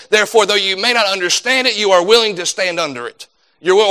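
A man's voice: high voice, bright, forceful tone. A middle-aged man preaching a sermon as pastor, building to emphatic bursts and laughing between points.

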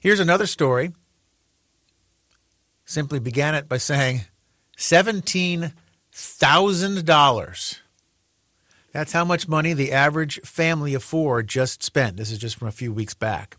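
A man's voice: mid-range voice, moderate pace, fairly bright tone, dry recording. A male pastor giving a radio sermon commentary, with a sarcastic, dry-witted way of talking and quotes read aloud.

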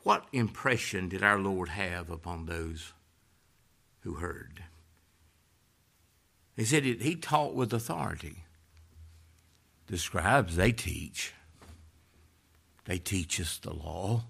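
A man preaching a sermon with a folksy delivery, moving from hushed passages to loud, emphatic ones. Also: sits low, lively intonation, slow pace, gravelly, pauses often, slightly rough.

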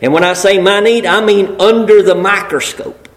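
A man's voice: sits high, normal speed, rough recording. A man preaching a sermon in a folksy, emphatic way, building rhetorical lists and repeating phrases for weight.

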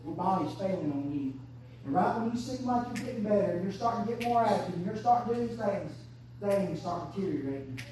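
A woman, preaching an impassioned sermon that swings between hushed and shouted. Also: mid-range voice, animated, brisk, a little hiss or hum. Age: 30s. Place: church sanctuary. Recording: echoey church from far off.

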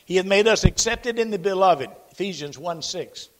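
A man's voice: sits high, lively intonation, normal speed. A man in his forties preaching an earnest, folksy sermon, quoting scripture and telling plain stories. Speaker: pastor.

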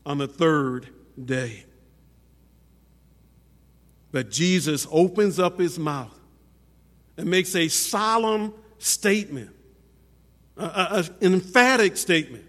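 Slow, high-voiced preacher in a reverberant hall. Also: male voice. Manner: emphatic, repeats phrases for stress. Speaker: pastor. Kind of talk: sermon.

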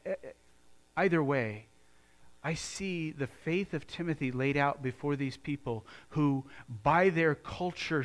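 An American pastor preaches a sermon in a church, sounding earnest and conversational. His voice is a little high and a bit bright, and he often restarts his sentences.

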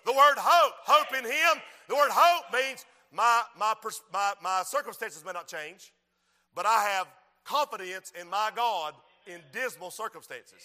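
Casting: a man preaching in a big reverberant hall, high voice with a sharp edge, repeats his phrases, rises to shouts. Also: animated, a little slow. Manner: rhythmic repetition, swings from quiet to shouting. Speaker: preacher and school principal. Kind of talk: sermon.

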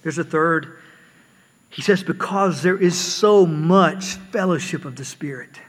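A man's voice: a little high, unhurried, long reverb tail. A man preaching a sermon earnestly, often repeating words as he explains.

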